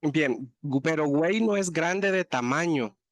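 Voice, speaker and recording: A man's voice: on the high side, animated, measured pace, dry recording. A man teaching a language class, explaining words patiently and often checking that students follow. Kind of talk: online class teaching vocabulary.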